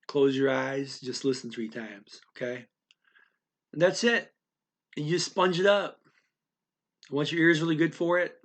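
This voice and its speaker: A language teacher, a native English speaker, gives a casual, rambling lesson, talking straight to the learner, restarting often and checking in with a steady stream of "okay?". His voice is mid-range and slightly bright.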